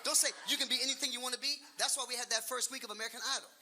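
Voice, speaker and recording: A man in his late fifties doing stand-up comedy, loud and animated, repeating his punchlines and talking to the crowd. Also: very high voice, rapid-fire. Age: 50s. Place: comedy stage with a laughing audience. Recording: live show audio with audience noise.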